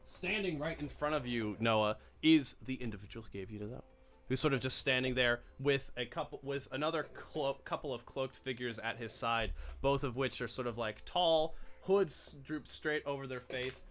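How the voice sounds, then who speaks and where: Man, game master, casual narration, fillers, middle pitch. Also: moderate pace, a bit bright. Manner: loose, laughing, filler-heavy narration.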